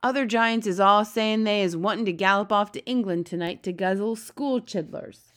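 A woman's voice: mid-range voice, normal speed, natural voice. Woman putting on a brutish, bellowing giant man. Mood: greedy relish. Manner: bellowing, sneering, mangled grammar and made-up words. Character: brutish, gluttonous, bullying man-eating male giant. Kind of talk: storybook character reading.

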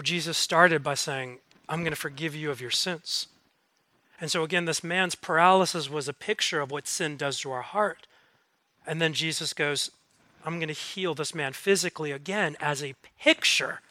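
A bright, high-pitched man preaches with lively energy, moving between jokes and earnest appeals. He keeps his talk conversational and checks in with frequent rhetorical questions. His voice is close and dry, with little room sound. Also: no echo. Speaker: guest speaker. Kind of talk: sermon.

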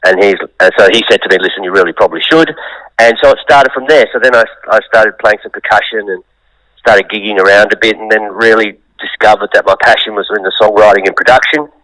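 A man's voice: lowish voice, fast talker, a bit bright, no room sound, low-quality recording. A man, a musician and songwriter, telling his life story in an interview, open and thoughtful with many ums. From Australia.

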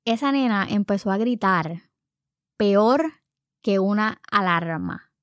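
A woman's voice: medium pitch, lively intonation, slow, no room sound, studio quality. A woman. She tells a family story casually from her living room and acts out the people she quotes. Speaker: mother telling a family story. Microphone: home recording set.

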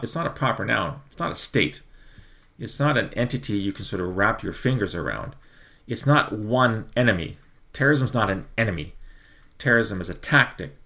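A middle-aged man hosting a podcast, delivering a measured, emphatic commentary with frequent self-corrections. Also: on the low side, a bit bright. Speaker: podcast host. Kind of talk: commentary monologue.

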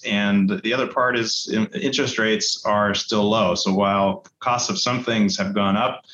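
A man's voice: fairly low pitch, a bit bright. A man giving conversational, explanatory answers as an expert guest on a podcast. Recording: roomy, dull sound with faint noise.

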